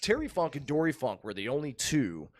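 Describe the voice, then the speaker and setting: A man's voice: mid-range voice, sing-song, brisk, dry recording. A man, a pro wrestler chatting as a podcast guest in an enthusiastic, rambling way. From Houston, Texas. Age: 30s. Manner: enthusiastic, rambling, frequent fillers and restarts. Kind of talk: casual podcast interview.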